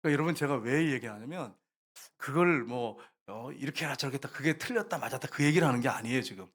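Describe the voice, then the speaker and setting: A pastor preaches a sermon in a fast, medium-pitched voice that is fairly bright with a breathy edge. Conversational with the congregation, he asks them questions and answers them himself, and acts out short quoted prayers and complaints.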